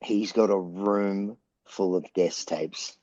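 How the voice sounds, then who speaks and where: A middle-aged Australian man, a rock band frontman being interviewed, telling rambling, animated anecdotes in a gravelly voice. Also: low voice, slow, dry recording, lo-fi sound. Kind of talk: casual storytelling.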